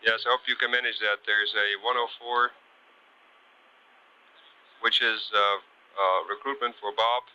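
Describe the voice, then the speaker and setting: A man working as a ground controller, speaking haltingly with many pauses over two-way radio. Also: on the low side, fairly even intonation, pushed and bright, clear, resonant tone. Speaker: ground payload operations controller. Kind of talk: radio operations chatter. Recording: dull, hissy archival space radio.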